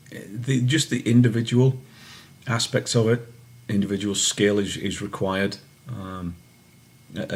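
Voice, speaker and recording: A man in his forties with a Manchester English accent, answering interview questions in a hesitant way with many pauses and fillers. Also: on the low side. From England. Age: 40s. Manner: hesitant, many ums and restarts. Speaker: interviewee, soccer referee.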